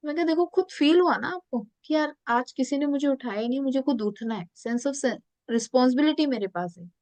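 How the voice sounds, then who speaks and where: A woman's voice: high-pitched, expressive, a little fast, a little mellow, dry recording. A woman spiritual coach telling stories in a podcast interview, earnest, mixing English phrases into her talk.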